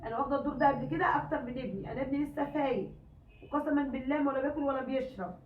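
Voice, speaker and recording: Hoarse Egyptian woman, rapid pleading chatter. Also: sits high, slight background noise. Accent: Egyptian Arabic. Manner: emotional, pleading, rambling. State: hoarse from a cold. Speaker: cooking vlogger. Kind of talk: casual chat to viewers. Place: home. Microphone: phone. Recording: echoey, tinny phone recording from a distance.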